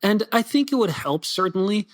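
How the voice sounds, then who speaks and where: Male author guest, raised in Belgium, rapid chatty answers, a bit higher pitch. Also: animated. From Netherlands and Belgium. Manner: fast, chatty, with many fillers and restarts. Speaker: soccer writer and author. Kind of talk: podcast interview.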